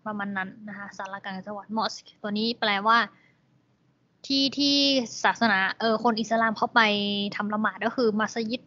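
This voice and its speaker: A woman's voice: mid-range voice, steady tone, normal speed, a bit bright. A woman teaching English vocabulary, patiently explaining each word's meaning with polite endings. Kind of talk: slow classroom explanation. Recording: dull lo-fi recording.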